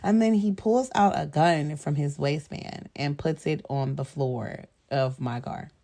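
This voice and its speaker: A woman hosting a podcast, telling a personal story in a casual, candid way, animated and often laughing. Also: deep voice, unhurried. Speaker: podcast host.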